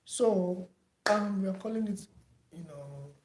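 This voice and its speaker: A soft-spoken online driving theory tutor, who says he does not shout, gives closing remarks to a live online class in a slightly high voice. He is unhurried, uses many fillers, and repeats himself. The room is echoey with a faint hum.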